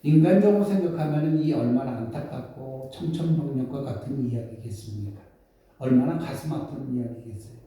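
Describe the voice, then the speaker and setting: A man's voice: mid-range voice, fairly quick, mellow. A male pastor preaching a dramatic storytelling sermon, asking his listeners questions. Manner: dramatic, asks the congregation questions. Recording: echoey church hall, mic far off.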